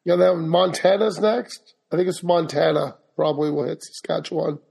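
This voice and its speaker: A man's voice: on the high side, moderate pace, creaky, darkish tone, husky. A man co-hosting a podcast in casual, joshing, rambling chat. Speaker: podcast co-host.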